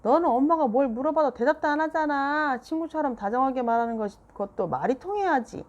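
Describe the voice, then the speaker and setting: A woman reading a children's book aloud and voicing a quick-tempered mother who scolds in a sharp, loud voice. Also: on the high side, very animated, slightly rough, muffled recording, pitched above the performer's own voice. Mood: scolding.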